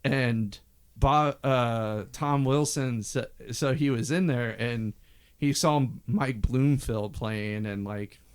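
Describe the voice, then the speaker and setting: A man's voice: medium pitch, takes it slowly, clean tone. A man co-hosting a casual podcast about an old album, telling rambling stories and imitating voices he talks about. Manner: rambling storyteller, mimics singing and quotes. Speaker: podcast co-host.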